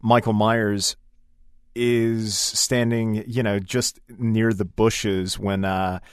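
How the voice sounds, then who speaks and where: Articulate low-voiced male podcast host. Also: flat delivery, takes it slowly, smooth, no room sound, studio quality. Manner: articulate, enthusiastic. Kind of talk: casual podcast chat.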